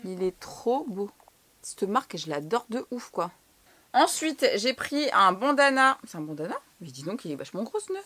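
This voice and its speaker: A woman's voice: mid-range voice, very animated, moderate pace, bright, forceful tone. A young woman from France chatting casually through a clothing haul, slangy and swearing now and then. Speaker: fashion vlogger.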